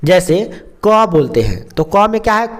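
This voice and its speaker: A young man teaching a lesson who explains slowly, draws out sounds and keeps asking questions and answering them himself. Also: sits high, sing-song. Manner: slow and repetitive, stretches out sounds, asks and answers himself.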